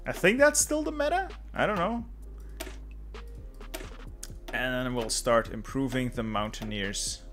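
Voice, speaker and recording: With long pauses and a slightly slow pace, this Flemish game streamer speaks in a medium-pitched, expressive, somewhat bright voice. A young native Dutch speaker, he mutters offhandedly to himself while playing strategy and chatting with his audience. Faint background music accompanies him.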